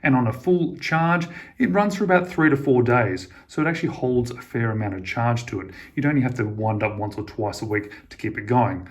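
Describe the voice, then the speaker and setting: A man talks through a product review in a relaxed, chatty way. His voice sits in a middle pitch, and he sounds enthusiastic and conversational. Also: brisk. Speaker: watch and clock reviewer.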